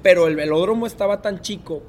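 A man's voice: sits high, fast, a little hiss or hum. A young man with a Mexican Spanish accent, a guest telling a story in a casual interview and acting out other people's lines as he goes.

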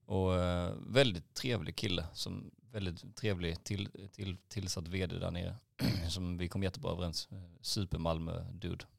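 A man's voice: low voice, level tone, vocal fry, few pauses, no echo, clean studio sound. A man in his forties, a podcast co-host, telling rambling IT work anecdotes with lots of fillers and swearing.

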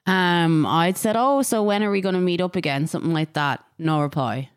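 A woman's voice: on the low side, moderate pace, clean tone. A young Irish woman co-hosting a podcast, telling a story in casual chat with lots of fillers. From Ireland. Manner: chatty storytelling with many fillers. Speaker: podcast co-host.

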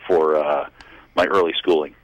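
A man's voice: a bass voice, steady tone, normal speed, dull audio. A man in his sixties from Boston, chatting as a guest on a radio show and telling stories with dry jokes. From Boston, USA. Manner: chatty, joking storyteller. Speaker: guest musician. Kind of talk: casual radio interview by phone.

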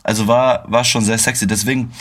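A young man co-hosting a casual podcast, telling slangy, excitable stories with bursts of laughter. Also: medium pitch, fast. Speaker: podcast co-host. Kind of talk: casual chat.

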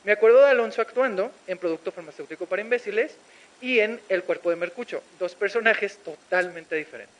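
A man's voice: sits high, fairly quick, poor audio. A man narrating a scripted, reflective tribute made of memories. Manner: reflective, recalling.

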